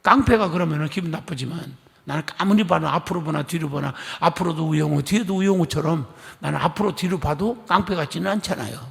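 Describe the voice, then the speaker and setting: A middle-aged man from Korea's Chungcheong region preaching a lively, chatty sermon, acting out conversations and coaxing the congregation to respond. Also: fairly high pitch, fast talker, vocal fry, few pauses. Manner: chatty storytelling, acting out dialogue. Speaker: pastor. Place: church sanctuary. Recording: long church hall reverb.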